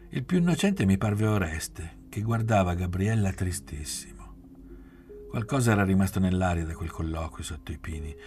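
A man reading a novel aloud in measured, quiet literary narration. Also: sits low. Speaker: reader.

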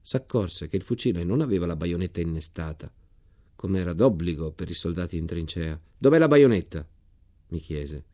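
A man reading a novel aloud in a measured, calm narration. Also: deep voice. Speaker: reader of a novel.

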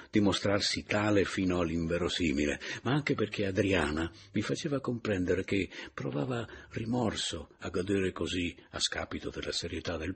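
A man reading a novel aloud in a measured, reflective way. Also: sits low, breathy edge. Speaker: narrator.

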